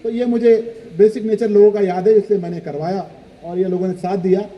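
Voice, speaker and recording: A man's voice: high-pitched, steady tone, brisk, muffled recording. Chatty man speaking in an echoey hall. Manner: informal, chatty, mixes in English phrases. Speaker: school principal. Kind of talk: ceremony speech. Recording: echoey hall with long reverb.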